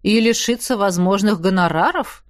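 A woman voicing a wry, guarded husband, lowering her voice and grumbling dryly. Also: moderate pace, no echo, clean studio sound, natural voice.

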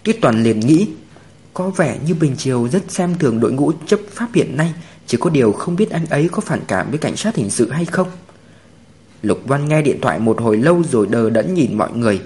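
A man narrates a crime story aloud, in the manner of an audiobook. His pitch rises and falls a lot as he tells it. His voice sits in a middle range. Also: lively intonation, fairly quick, darkish tone.

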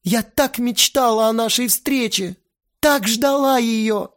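A man's voice: very high-pitched, takes it slowly, a bit bright, pitched above the performer's own voice, exaggerated voice. A man voicing an emotional, volatile young woman who pleads and sobs, reading an audiobook. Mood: pleading. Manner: pleading, sobbing, switching to rage.

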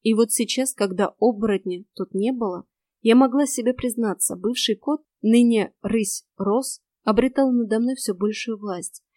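A woman narrating a first-person fantasy audiobook in a steady, expressive reading. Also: fairly high pitch, normal speed, no room sound, clean studio sound.

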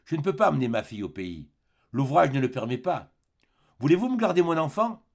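A man's voice: on the high side, very animated, a little fast, a little mellow. A man reading an audiobook, voicing a poor, humble young mother who pleads for help. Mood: pleading.

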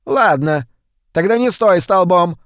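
Guy putting on a screechy old spider-woman, high and shrill, bossy and nasty, storybook horror. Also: lively intonation, slow, clean tone, no room sound, studio quality. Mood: scornful.

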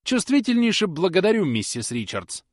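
Man putting on a shrill furious young nursemaid. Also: sing-song, moderate pace, dry recording, studio quality. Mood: indignant. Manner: shrill, indignant, mocking. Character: fiery sharp-tongued young nursemaid woman.

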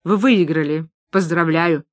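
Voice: mid-range voice, measured pace, no echo, lightly acted. A narrator voicing a polite male croupier. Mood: formal. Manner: courteous, formal announcing.

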